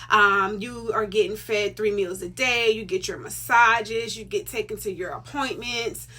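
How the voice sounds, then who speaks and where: A woman's voice: medium pitch, a little slow, sharp tone. A middle-aged woman vlogging casually to her viewers, emphatic and chatty, repeating herself for stress. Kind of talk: casual vlog talk to viewers.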